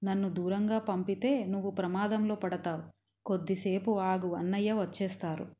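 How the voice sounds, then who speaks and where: A woman voicing a loyal, earnest young prince in a storytelling reading, slow and steady. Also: mid-range voice, lightly acted. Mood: pleading. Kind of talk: storytelling narration.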